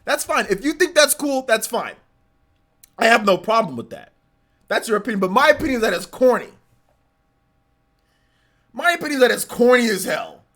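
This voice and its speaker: A man's voice: very high-pitched, big pitch swings, normal speed, pauses often, a bit bright. A man in his forties ranting in a live reaction stream, exasperated and repeating himself. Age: 40s. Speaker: livestreamer.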